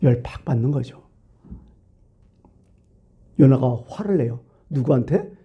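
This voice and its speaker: Male preacher in church, animated storyteller, husky tone, rhetorical questions. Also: medium pitch, a little slow, lo-fi sound. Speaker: pastor. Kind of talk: sermon.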